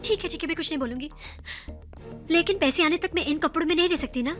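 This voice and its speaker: An actress playing a feisty young woman held captive, scolding her kidnappers with sharp sarcasm. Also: very high-pitched, fast, soft background music. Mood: defiant. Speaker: kidnapped heroine. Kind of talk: Hindi film acting.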